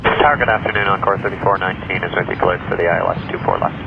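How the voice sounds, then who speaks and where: A man speaks as an airline pilot through a cockpit headset radio, his low voice rushing through crisp, clipped calls. The transmission sounds muffled and narrow, with steady hiss and static underneath. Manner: brisk, clipped radio phraseology. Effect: pilot's voice over a cockpit headset radio.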